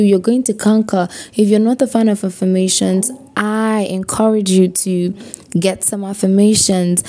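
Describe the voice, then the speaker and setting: A woman's voice: mid-range voice, dark tone. A woman vlogger giving a motivational talk straight to the viewer, emphatic and preachy, repeating phrases and asking rhetorical questions.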